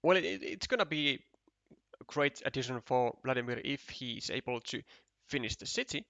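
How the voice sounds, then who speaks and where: A man's voice: medium pitch, expressive, brisk, pushed and bright, dry recording, muffled recording. A man commentating a competitive board game match, thinking aloud, counting tiles and often restarting his sentences. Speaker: esports commentator.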